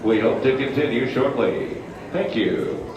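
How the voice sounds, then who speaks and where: A man giving a formal, polite recorded announcement played through loudspeakers on a ride. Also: mid-range voice, unhurried. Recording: echoey distant loudspeaker with noise.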